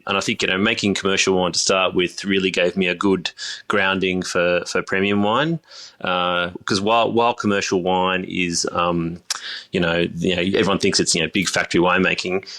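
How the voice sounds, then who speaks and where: Halting Australian man, low bright voice. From Griffith, New South Wales, Australia. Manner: halting, many fillers and restarts. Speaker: chief winemaker, guest. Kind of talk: casual interview chat.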